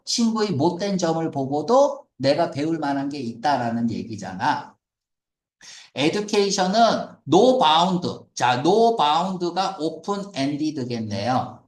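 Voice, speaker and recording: A man's voice: on the high side, darkish tone, roomy sound. A man teaching an English reading passage as a lecture, questioning the class and mixing English words into his explanations.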